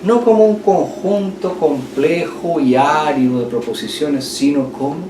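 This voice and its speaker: A man with a Chilean Spanish accent preaching a sermon as pastor, swinging from loud passionate peaks to hushed, quiet lines. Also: a little high, measured pace. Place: church hall. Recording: echoey church hall, distant mic, noisy.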